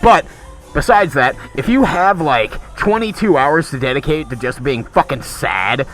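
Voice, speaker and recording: Man, show host, profane sardonic rant, high-ish voice, lively pitch. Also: measured pace, soft background music. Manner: ranting, sardonic, swears constantly. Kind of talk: casual profane commentary.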